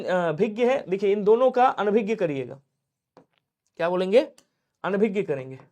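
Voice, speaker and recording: A man leads an exam-prep grammar lesson. His voice sits fairly high, and he drills question after question. He answers each one himself in his students' voices. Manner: drills quickly, urging speed. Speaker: Hindi teacher.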